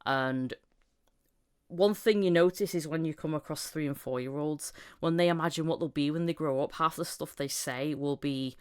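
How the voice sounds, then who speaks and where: A woman in her thirties, a voice actor appearing as a podcast guest, chats casually and candidly, acting out the quotes in her stories. She has a deep, smooth, darkish voice and speaks at a moderate pace.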